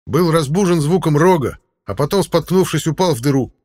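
A man's voice: fairly high pitch, animated, brisk, a little mellow, voice pushed up. A man voicing a young male Viking captive who talks in a strained, pleading way. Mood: explaining.

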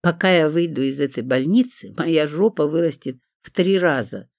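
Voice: medium pitch, lively intonation, a little slow, a little mellow, no room sound, clean studio sound, close to an everyday voice. A reader voicing an imperious, sardonic elderly woman with a well-trained commanding voice. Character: imperious sharp-tongued elderly woman patient.

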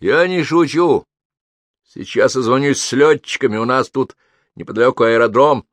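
A man reading the part of a calm, jovial male friend who speaks breezily and confidently. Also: mid-range voice, normal speed, dry recording, pitched above the performer's own voice, natural voice. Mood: breezy.

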